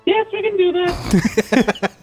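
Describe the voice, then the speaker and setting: A man putting on a slow, mock-polite falsetto clerk taking a phone order. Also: very animated, faint music behind, full character voice. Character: sing-song falsetto fast-food phone clerk.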